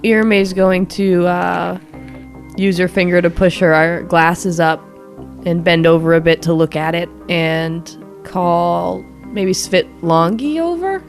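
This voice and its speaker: A woman player talks casually through a tabletop game at a slow pace. Her voice sits slightly low, with faint music behind. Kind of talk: casual improvised game talk.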